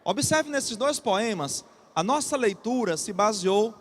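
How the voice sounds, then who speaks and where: With an animated, slightly bright voice that sits high, this Brazilian-accented teacher leads an exam-prep literature class. After reading a poem aloud he explains it, often checking in with students and slowly repeating key terms for them to write down.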